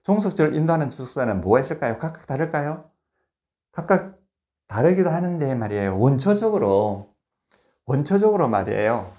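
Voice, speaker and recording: A man's voice: medium pitch, sing-song, dark tone. Man lecturing with rhetorical questions. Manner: explains step by step with rhetorical questions; slows to spell out words and examples. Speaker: English grammar lecturer. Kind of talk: recorded classroom lecture.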